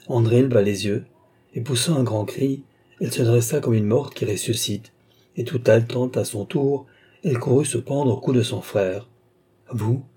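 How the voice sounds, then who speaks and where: A man narrating a classic novel as an audiobook in a measured storytelling manner. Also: mid-range voice, mellow, husky.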